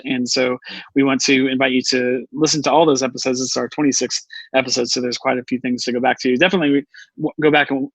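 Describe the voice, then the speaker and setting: A man co-hosting a casual podcast, rambling along and circling back on his own sentences. His voice sits at an ordinary pitch and is recorded close and dry, with no room sound. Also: vocal fry, fairly bright tone, dry recording, lo-fi sound. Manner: rambling, full of fillers and restarts. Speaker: podcast co-host.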